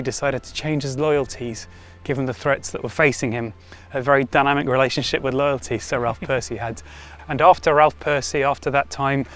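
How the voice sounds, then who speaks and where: Lively man telling castle history. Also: medium pitch. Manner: lively storytelling, wry asides. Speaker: heritage site guide. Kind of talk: explaining history on a site tour.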